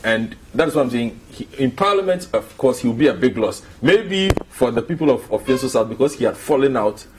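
A man's voice: mid-range voice, animated, fairly quick, few pauses, a little hiss or hum. A man with a Ghanaian English accent, an analyst on a live TV panel who emphatically interrupts to disagree. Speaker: political analyst. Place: TV studio.

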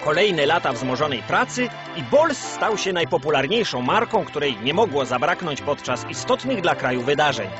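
A man's voice: on the high side, very animated, normal speed. A man narrating in the manner of an old communist-era newsreel, grandiose, solemn and rousing in a scripted mock-propaganda style. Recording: dull lo-fi sound under loud music.

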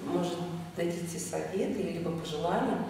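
A woman's voice: lowish voice, gravelly, warm tone, distant mic, a little hiss or hum. Chatty woman interviewer, echoey hall. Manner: chatty, halting questions with many restarts. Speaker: dance teacher interviewing a student. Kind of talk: casual interview. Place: large dance studio, indoors. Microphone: far camera.

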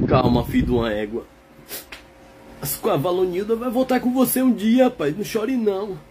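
A man voicing a brash, teasing male dog in a comic dub of animal videos, rowdy and quick to laugh. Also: high-pitched, lively intonation, over loud music. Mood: cocky teasing. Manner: swings between mock threats and joking.

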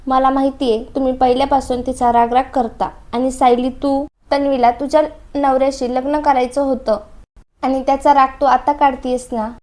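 A woman reading the lines of an angry young man who bitterly accuses his family, in her own high voice. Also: level tone, moderate pace, darkish tone, close to an everyday voice. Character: angry young man defending jailed wife.

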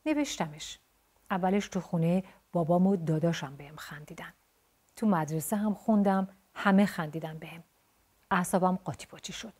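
A feisty little tomboy girl with a blunt, quick temper, put on by a woman reading a storybook. She speaks in a raised, mellow, slightly husky voice. She is chatty and lively. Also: on the low side.

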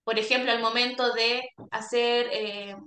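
A woman's voice: on the high side, little pitch movement, a little slow, pushed and bright. A woman, a speech therapist explaining to caregivers in a workshop and often checking in with a questioning "¿ya?". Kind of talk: workshop talk. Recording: echoey room.

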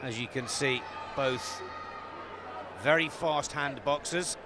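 A man giving measured live boxing commentary in short, halting phrases. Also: mid-range voice, crowd noise, background noise.

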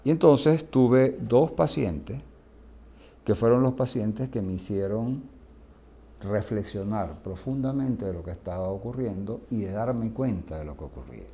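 A man's voice: lowish voice, lively intonation, a little slow, mellow. A man with a Venezuelan accent, a psychiatrist giving an interview, telling stories vividly and acting out what people said. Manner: vivid storyteller, acts out quoted speech. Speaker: psychiatrist guest. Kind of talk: storytelling interview answer.

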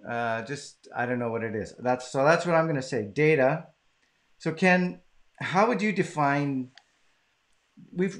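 A man from Canada hosting a live-streamed conversation, casual and chatty. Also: mid-range voice. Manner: casual, chatty, laughs easily. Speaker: host. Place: home, southern British Columbia.

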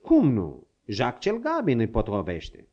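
A man's voice: medium pitch, wildly swooping pitch, darkish tone. A man voicing an eager, obliging young male servant, in a dull lo-fi audiobook recording. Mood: helpful.

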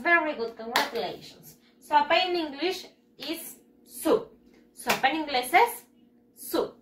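Woman teacher, high animated voice, unhurried, echoey room. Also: a little hiss or hum. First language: Spanish. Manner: drills words, cheerful praise, switches between Spanish and English. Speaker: first grade English teacher. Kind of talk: bilingual lesson to children.

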